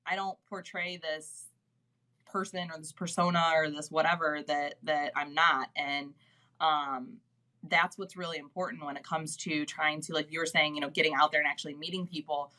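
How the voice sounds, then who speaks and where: A woman speaks as an interview guest in loose, friendly conversation. She talks chattily and keeps filling her sentences with "like" and "you know". Her voice is very bright and forward. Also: low-pitched, steady tone, normal speed. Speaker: guest, business executive. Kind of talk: casual interview chat.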